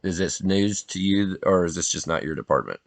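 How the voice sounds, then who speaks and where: A man with a low voice, recorded dry with no room sound. He talks informally and earnestly, rambling along in a casual way. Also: animated, brisk, gravelly, dry recording. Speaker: individual drone operator and video maker.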